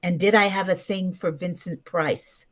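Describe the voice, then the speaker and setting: As a podcast guest, an older woman in roughly her seventies speaks in a lowish voice with fairly even intonation and a measured pace. She shares anecdotes casually but emphatically, slipping into quoted dialogue along the way.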